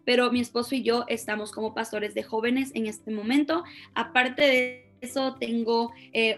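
A young woman from Ecuador in her twenties, a youth pastor, speaking warmly and earnestly as a podcast guest. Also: on the high side. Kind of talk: interview conversation.

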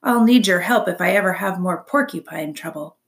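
A woman voicing an eager, hungry male fox who talks in a high, pleading, wheedling way. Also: moderate pace, creaky.

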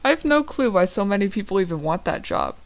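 A woman reading her first-person story aloud in a plain, slightly halting way with small slips. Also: mid-range voice, big pitch swings, gravelly. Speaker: reader of a story.

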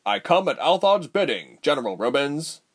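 A man voicing a self-important soldier who speaks loudly and officiously. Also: a little high, sing-song, moderate pace, breathy edge, pitched above the performer's own voice. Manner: loud, officious, raised voice.

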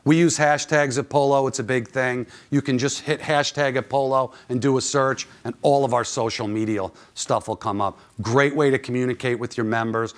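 A man presenting informally to an audience as a conference speaker, conversational and often posing questions to listeners. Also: mid-range voice. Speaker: conference speaker, club manager.

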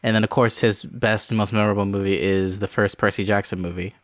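A man's voice: lowish voice, fairly even intonation, fast talker, crowd noise. A man in his twenties co-hosting a casual movie podcast, rambling with lots of fillers while reading out film facts. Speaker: podcast co-host. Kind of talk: casual chat.

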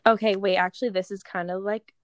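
A woman's voice: mid-range voice, steady tone, fast talker. A young woman with a Long Island accent hosting a casual fan quiz, chatty and giggly, full of "like.". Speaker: host. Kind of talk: casual chat, quiz game.

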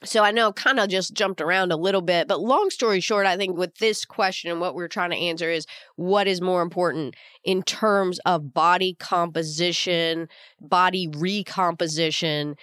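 A woman's voice: lowish voice, moderate pace, a bit bright, no room sound, clean studio sound. A woman with a slightly groggy voice hosting a solo podcast, explaining informally and coaching listeners with rhetorical questions. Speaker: podcast host.

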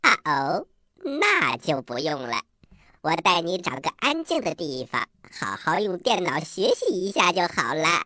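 Croaky and bright, this is a playful little frog character for a children's story. The frog voice swings wildly up and down in a bouncy cartoon way, with music underneath. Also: male voice, fairly high pitch, very animated, measured pace, no room sound, studio quality, heavily acted. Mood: helpful, playful. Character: playful little green frog, helpful companion and singer.

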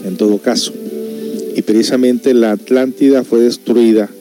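A man's voice: mid-range voice, steady tone, moderate pace, over music. A man giving an earnest, moralizing monologue on prophecy and reading scripture with emphasis. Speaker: prophecy commentator.

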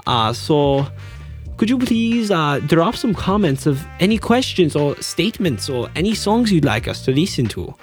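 Goofy, lively young man podcasting. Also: on the high side, moderate pace, faint music behind. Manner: goofy, jokey, excitable. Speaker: podcast co-host. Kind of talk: casual podcast chat.

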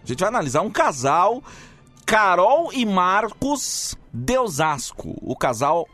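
A man hosting a comic radio show, announcing segments and reading listener details in an upbeat manner. His voice sits slightly high and moves in lively rises and falls, with faint music in the background. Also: slow pace. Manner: upbeat announcer, plays along with the sketch.

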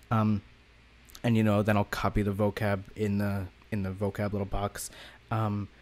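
A man's voice: mid-range voice, darkish tone. A man co-hosting a language-learning podcast, talking casually and rambling, often laughing. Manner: chatty, rambling, laughs easily. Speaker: podcast co-host. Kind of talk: casual chat.

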